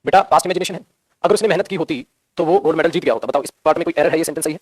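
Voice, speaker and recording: Fast-talking Hindi-accented male teacher. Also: a little high, dry recording, studio quality. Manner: addresses students as beta, repeats key points. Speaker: English teacher. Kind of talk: live class lecture.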